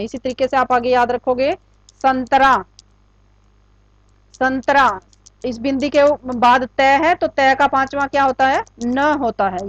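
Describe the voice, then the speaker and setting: A woman with a high voice gives a patient grammar lesson. She poses questions to her students and answers them herself. The recording is dry, with no room echo. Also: lo-fi sound. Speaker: Hindi grammar teacher. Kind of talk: classroom-style grammar lesson.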